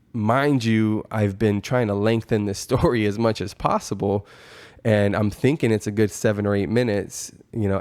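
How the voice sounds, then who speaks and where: A man telling a personal story in a casual way, rambling and hesitant, leaning on filler words. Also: lowish voice. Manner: rambling and hesitant, with frequent 'like' and 'you know'. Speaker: amateur stand-up comedian telling of a first open mic.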